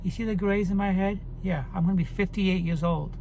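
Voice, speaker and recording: A man's voice: high voice, fairly even intonation, fairly quick, gravelly, a little mellow, a little hiss or hum. A man in his fifties talking earnestly and reflectively in a personal video diary, often repeating his key points. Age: 50s. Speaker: vlogger.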